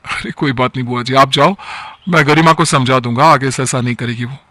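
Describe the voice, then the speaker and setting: A young husband tries to calm everyone down and reasons patiently, as a man voices him. The voice is bright and dry. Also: medium pitch, a little fast, no echo, pitched below the performer's own voice, close to an everyday voice. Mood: placating. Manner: soothing, reasoning. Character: young husband, mild and placating.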